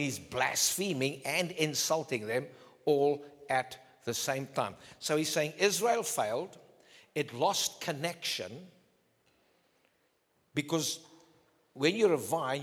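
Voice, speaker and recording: A male pastor preaching a sermon emphatically, swinging between loud declarations and low, intense tones. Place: church hall. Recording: long hall reverb.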